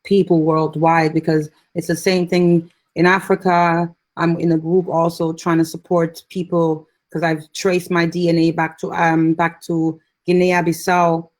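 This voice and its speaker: A Jamaican woman hosting a casual live interview, telling stories with lively acted-out dialogue. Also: on the low side, unhurried, few pauses. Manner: lively storyteller, acts out voices in her anecdotes.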